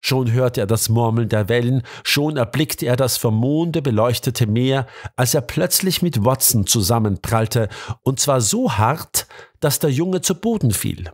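A man's voice: medium pitch, animated, unhurried. A man narrating an adventure audiobook with dramatic storytelling.

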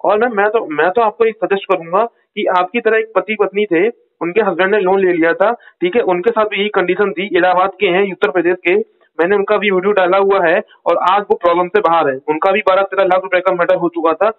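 Forceful man on a tinny phone call. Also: high voice, fairly even intonation, brisk. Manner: forceful, urging, repetitive. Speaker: channel host giving advice to a caller.

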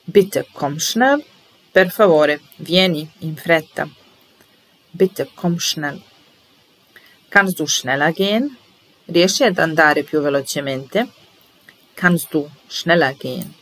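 Slow, patient woman teaching language. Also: deep voice, animated, a bit bright, rough recording. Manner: patient, measured, enunciating each phrase slowly. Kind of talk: slow bilingual lesson, repeating phrases.

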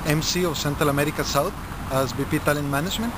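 A man in his twenties from Costa Rica, introducing himself in a relaxed way outdoors in a park. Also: fairly high pitch, fast, noisy background. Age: 20s. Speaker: board member introducing himself. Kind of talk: self-introduction to camera.

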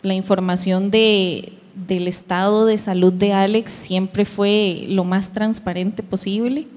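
A woman's voice: mid-range voice, fairly even intonation, slow, darkish tone. Woman telling her story. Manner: emotional storytelling, acting out her daughters' voices. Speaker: guest giving testimony. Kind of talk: personal testimony. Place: church youth meeting. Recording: long hall reverb.

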